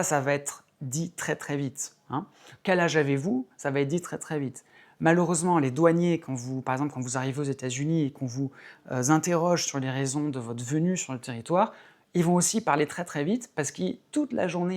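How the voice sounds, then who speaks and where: A woman teaching English by video explains things clearly and with patience, emphasizing important words through repetition. Her voice is low-pitched and a little mellow.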